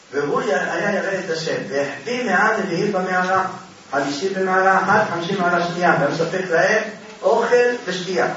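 Male Torah teacher, animated storyteller with rhetorical questions; high voice, muffled, faint hiss behind. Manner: animated, fires rhetorical questions and answers them. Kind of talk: religious lesson with dramatic storytelling. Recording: very echoey, distant, dull hall recording.

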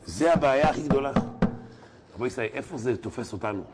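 A man's voice: mid-range voice, very noisy. A man giving a sermon to a crowd, telling joke stories and acting out the characters in them. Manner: animated storyteller, acting out characters. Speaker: religious lecturer.

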